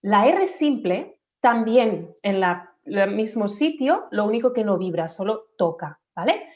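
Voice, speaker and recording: A woman's voice: mid-range voice, very animated, unhurried, a little mellow. A woman patiently explaining speech development in an interview, sometimes demonstrating sounds aloud. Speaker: speech therapist guest. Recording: dull lo-fi audio.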